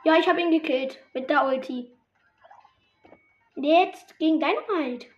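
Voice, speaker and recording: A high-pitched woman narrates her game as she plays, exclaiming and groaning at every turn. Her voice comes through a slightly dull, lo-fi mic. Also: measured pace, soft background music. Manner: excitable, reacts loudly to the game. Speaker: gamer. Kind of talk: gameplay commentary.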